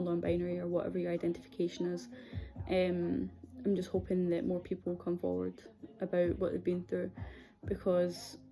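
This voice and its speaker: A woman's voice: on the low side, mellow, rough recording. A young adult woman with a Scottish accent telling a personal story in a candid, hesitant, conversational way. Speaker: video series host.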